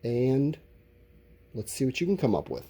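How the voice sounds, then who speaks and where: This mid-range male voice is warm and slightly rough, moving at a normal speed with huge swings in pitch. It belongs to an elementary school teacher who reasons aloud as he writes answers in an informal children's lesson, keeping things simple and encouraging.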